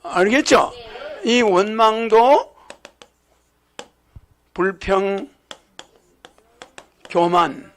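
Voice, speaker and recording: A man's voice: sits high, expressive, very slow, pauses often, a bit bright. An older man giving a rambling sermon-lecture to followers, repeating himself, chuckling, and often asking the audience whether he's right. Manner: repetitive, asks the audience "right or not?". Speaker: religious leader lecturing followers.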